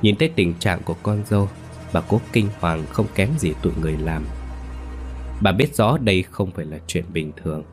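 Deep voiced guy reading a ghost story, slow and ominous, soft music under it. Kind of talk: scripted horror story narration.

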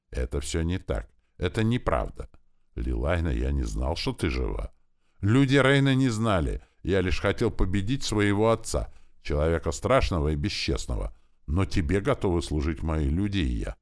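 A man's voice: low voice, big pitch swings, normal speed. A man voicing a frightened young male rebel leader who whines and begs. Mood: pleading. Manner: whining, begging, panicky.

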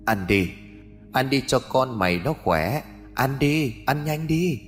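A man voicing a bitter, vengeful female ghost who speaks slowly in a moaning, accusing way. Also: mid-range voice, expressive, faint music behind, voice pushed up. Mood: taunting.

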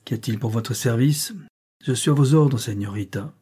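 Composed jailer for a storybook, formal and cold, voiced by a man, dark tone. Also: mid-range voice, moderate pace, husky, lightly acted. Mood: polite.

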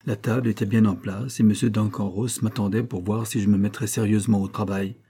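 A man's voice: lowish voice, flat delivery, brisk, dark tone, breathy edge. A man reading an audiobook, voicing an indignant middle-aged red-haired pawnbroker telling his story. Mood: aggrieved.

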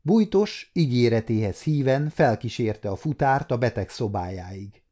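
A man in his fifties narrating an audiobook in a steady storytelling manner. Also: mid-range voice. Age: 50s. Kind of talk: scripted narration.

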